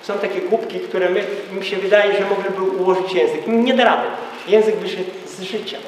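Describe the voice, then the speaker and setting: High-voiced man lecturing in an echoey hall. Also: fairly even intonation, moderate pace, distant mic, slight background noise. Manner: emphatic, rhetorical questions. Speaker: speaker at a gathering. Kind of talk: lecture to a live audience.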